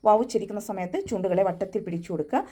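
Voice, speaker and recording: A young woman teaching Quran recitation in an online class, explaining each step patiently and adding gentle reminders. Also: medium pitch, racing, breathy edge. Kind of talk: online tajweed class instruction.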